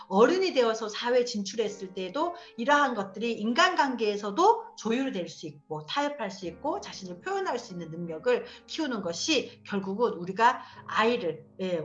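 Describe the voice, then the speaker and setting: Lively woman lecturing over a dull call. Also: mid-range voice. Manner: animated, acts out parent and child voices. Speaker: parenting lecturer. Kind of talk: online parenting lecture. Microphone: video call. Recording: dull lo-fi video call audio with faint music.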